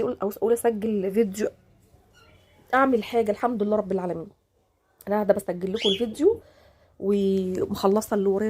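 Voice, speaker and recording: A woman's voice: mid-range voice, dark tone, a little hiss or hum. A woman in her forties with an Egyptian accent, chatting to her channel from home, emotional and devout, full of religious phrases and oaths. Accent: Egyptian Arabic. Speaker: vlogger. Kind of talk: casual chat to camera. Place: home, during a power cut.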